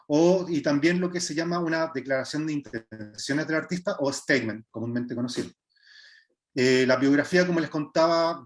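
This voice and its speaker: A man in his thirties with a Chilean accent, a visual artist giving an online workshop and talking in a hesitant way, with many filler sounds and restarts. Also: a little high. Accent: Chilean Spanish. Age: 30s. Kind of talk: online art workshop presentation.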